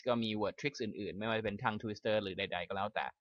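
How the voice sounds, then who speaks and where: A man with a Thai accent, a native Thai speaker, reads a passage aloud slowly and carefully, then explains it in a quick, chatty way as an English teacher. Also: on the low side, fairly bright tone, no echo. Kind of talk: reading aloud and explaining in a lesson. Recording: slightly dull, dry recording.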